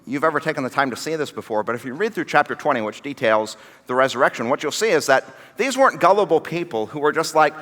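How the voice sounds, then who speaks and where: A man's voice: fairly high pitch, a bit bright, in a large hall. A man preaching a casual, conversational sermon, acting out the voices of the people in the story. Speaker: pastor. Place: church sanctuary.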